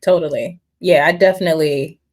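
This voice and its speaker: This is a woman hosting a podcast interview over an online video call. Her voice sits fairly low, and she talks in a relaxed, conversational way, often pausing on fillers as she gathers her thoughts. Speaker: podcast host. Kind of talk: casual interview chat.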